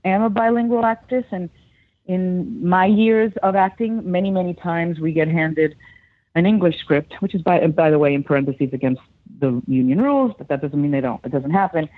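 A middle-aged American actress chats in a casual interview, telling stories animatedly, acting out quotes and laughing often. Her lowish voice moves at a normal speed. The recording is dry, with a tinny phone-line sound.

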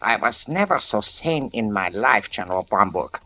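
An actor playing a coldly grandiose, fanatical Nazi villain with a German accent in a 1940s radio serial. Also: male voice, fairly low pitch, lively intonation. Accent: German, put on for the role. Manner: menacing, deliberate, theatrical. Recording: dull old radio broadcast recording.

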